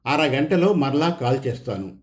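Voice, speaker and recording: A man's voice: mid-range voice, lively intonation, normal speed, natural voice. A man voicing a menacing male kidnapper who makes cold demands over a phone call in a read story. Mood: threatening.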